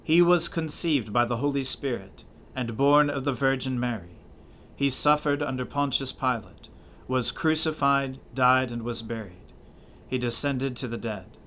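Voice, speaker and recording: A man speaks set prayers in a steady, declaiming voice of middling pitch. There is a faint hum of background noise behind him. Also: unhurried. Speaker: worship leader. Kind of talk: spoken recitation of prayers.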